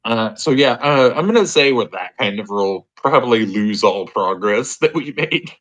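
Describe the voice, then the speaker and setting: A man playing a tabletop role-playing game in casual chat, halting and thinking aloud as he goes. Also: mid-range voice, lively intonation, fairly bright tone, highs cut off. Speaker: tabletop RPG player.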